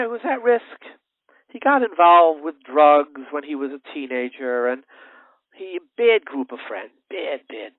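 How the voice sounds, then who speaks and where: A man hosting a religious radio talk show, telling a story with lively swings between loud emphasis and hushed narration. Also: on the high side, no echo. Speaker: radio host. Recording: narrow phone-line sound, dry.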